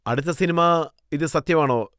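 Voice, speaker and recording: A man's voice: fairly high pitch, unhurried, a bit bright, dry recording, clean studio sound. A man hosting a television interview show, asking probing, teasing questions of his guest. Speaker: talk-show host. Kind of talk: mock-courtroom TV interview.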